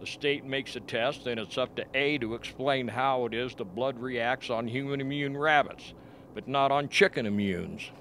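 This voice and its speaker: In an amateur radio play, a man plays a frank, grim scientist doctor, explaining things in a measured, deliberate way. His voice is middling in pitch and a bit bright, the acting is light, and faint background noise can be heard.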